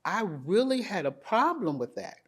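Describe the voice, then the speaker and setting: Animated woman telling her story. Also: mid-range voice, moderate pace, breathy edge. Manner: lively, animated, quoting herself with emphasis. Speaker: interview guest. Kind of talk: candid storytelling.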